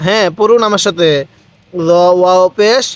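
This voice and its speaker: A man teaching Quran reading, slowly and deliberately drawing out syllables for learners to repeat after him. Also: high-pitched, no echo. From Bangladesh. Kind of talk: recitation lesson, repeat-after-me drill.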